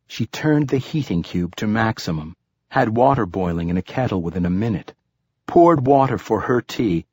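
Husky low-voiced male narrator. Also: no room sound. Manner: steady, measured storytelling. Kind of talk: scripted audiobook narration.

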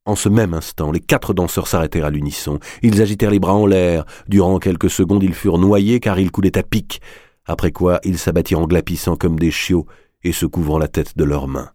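Low-voiced man narrating a dark tale. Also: fairly even intonation, fairly quick, no echo, studio quality. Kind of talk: audiobook narration.

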